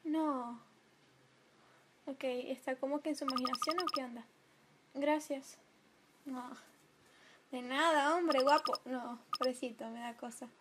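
Woman, young adult, high-pitched, emotional let's-play commentary, noisy home recording. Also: steady tone, unhurried, long pauses. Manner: emotional, swings to loud outbursts. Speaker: gameplay commentator. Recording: home mic with clear background noise.

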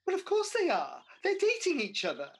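A British woman playing Mother Goose as a kindly, chatty pantomime dame, expressive and theatrical, for radio. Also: very high-pitched, fairly quick, full character voice. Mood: kindly, coaxing.

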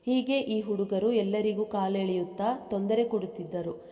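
A woman's voice: mid-range voice, normal speed. A woman narrating a love story aloud, speaking the characters' quoted lines in her own voice. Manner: reads aloud at an even pace, dropping into the characters' speech for quotes. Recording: long reverb.

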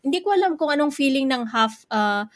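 A woman from the Philippines co-hosts a community radio program in a relaxed, chatty way, laughing often as she shares stories about her children. Her voice sits high, and the sound is close and dry with almost no room around it. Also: fairly quick, no echo. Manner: chatty, laughs easily, tells family anecdotes. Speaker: radio co-host. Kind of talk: casual radio chat.

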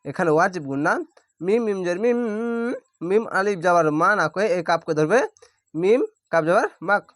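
A man's voice: high-pitched, a bit bright, no room sound, studio quality. Man patiently spelling out recitation. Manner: spells syllables out plainly, then draws out recited words slowly. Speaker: Quran reading teacher. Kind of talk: spelling-out Quran lesson.

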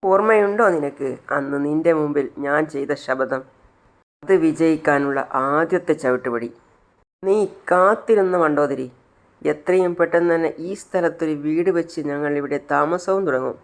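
A man's voice: on the high side, normal speed, close to an everyday voice. A man voicing a determined, long-suffering middle-aged mother, speaking earnestly and with emotion. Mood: vowing.

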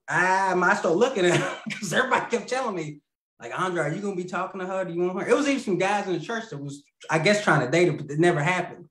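Speaking from home over roomy-sounding video call audio, a thirtysomething male guest casually recounts something from his own life. His voice sits high and a bit bright, and he rambles, restarting, using fillers, and breaking into laughter partway through sentences.

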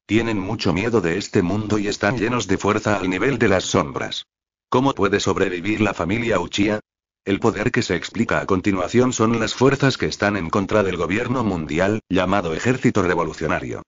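A man narrating an audiobook in a steady, even reading with little expression. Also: deep voice, moderate pace. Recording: dull lo-fi audio.

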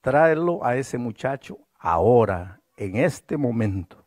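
A man preaching voices a young man who prays boldly, pleading in a loud and insistent way. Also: mid-range voice, lively intonation, a little slow, dry recording, studio quality. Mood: fervent pleading.

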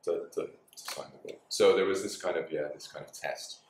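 A man's voice: low voice, brisk, slight background noise. A man in his forties, an interview guest who owns a bar and dojo, talking in an easygoing way with lots of fillers and laughs, recorded from a distance in a small bar. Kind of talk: relaxed conversational interview. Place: small bar with signed walls, indoors. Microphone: far camera in the room. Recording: echoey room from a distance.

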